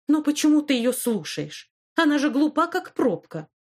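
A woman's voice: sits high, sing-song, normal speed, voice pushed up. Woman voicing a firm, caring old grandmother. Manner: warm but stern, reassuring. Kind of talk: audiobook character voice.

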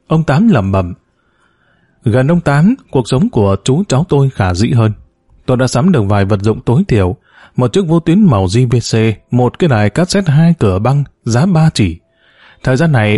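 Man reading a story, dark tone. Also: mid-range voice, dry recording, studio quality. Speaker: narrator. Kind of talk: first-person audiobook reading.

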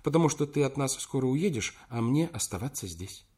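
A man reading an audiobook, voicing a young woman secretary in a soft, lightly raised voice. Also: mid-range voice, animated, a little fast, slightly rough, voice pushed up. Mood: cool, teasing. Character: young woman secretary, calm and teasing, then tearful.

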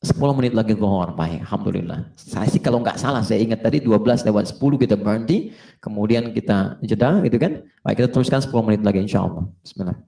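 A male Islamic preacher giving a lively religious lecture to a live audience, asking them questions and acting out short dialogues. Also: fairly low pitch, fast, gravelly. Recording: roomy echo of a hall.

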